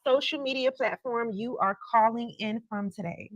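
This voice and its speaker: A woman's voice: a little high, moderate pace, no room sound, poor audio. An American woman hosting a live call-in tarot show, chatting casually in a folksy, encouraging way and speaking straight to her listeners. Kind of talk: casual live-stream chat with callers.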